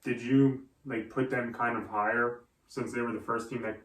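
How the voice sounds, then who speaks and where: A man's voice: mid-range voice, fairly even intonation, normal speed, a bit bright. A man co-hosting a podcast in casual chat who breaks in with quips and questions. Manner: joking interjections, asks questions. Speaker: podcast co-host. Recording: roomy echo, mic at a distance.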